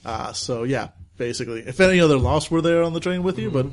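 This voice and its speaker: A man running a tabletop role-playing game as game master, explaining rules in a relaxed way with frequent filler words. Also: on the high side, fast.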